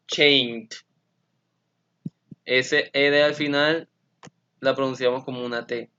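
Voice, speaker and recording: A man teaching an English grammar lesson, speaking very slowly and carefully and repeating his examples so students can follow. His voice sits at an ordinary middle pitch, and the recording sounds dull and lo-fi. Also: fairly bright tone. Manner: slow, careful explanation switching between Spanish and English.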